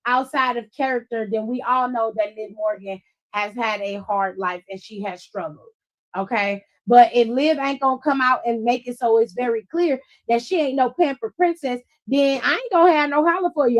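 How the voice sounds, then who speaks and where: Woman, high voice, sassy, blunt, swears freely, laughs a lot, casual stream chat. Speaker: host of a wrestling after-show. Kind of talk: casual livestream recap chat.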